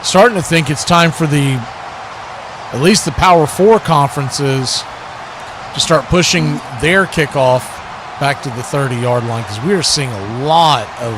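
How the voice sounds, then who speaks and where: With a voice on the high side and a measured pace, an American man gives live football play-by-play for an online watch party stream. Each action gets a clipped short phrase, and background noise comes through clearly.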